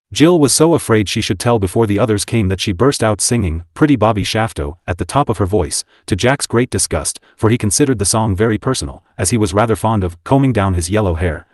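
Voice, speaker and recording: A man narrating a classic novel as an audiobook, in a steady storytelling manner. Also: on the low side, no echo, clean studio sound. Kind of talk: scripted narration.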